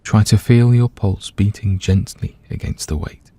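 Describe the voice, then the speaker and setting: A man gently and calmly leading a scripted guided meditation, letting his voice soften at the ends of phrases. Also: fairly low pitch, measured pace, no echo. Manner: gentle, calm, soothing, hushed at phrase ends.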